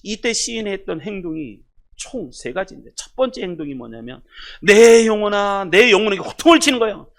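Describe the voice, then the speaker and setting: High bright-voiced pastor preaching. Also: male voice, sing-song, quick pace, creaky. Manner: dramatic swings from loud exhortation to hushed near-whispers; leads the congregation in reading aloud. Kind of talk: sermon.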